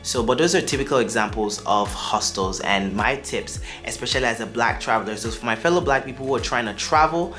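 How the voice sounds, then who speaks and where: This young Nigerian vlogger talks briskly with hardly any pauses, his medium-pitched voice sharp in tone over soft background music. He offers chatty, upbeat travel advice to camera, with asides and restarts, his Nigerian accent leaning American.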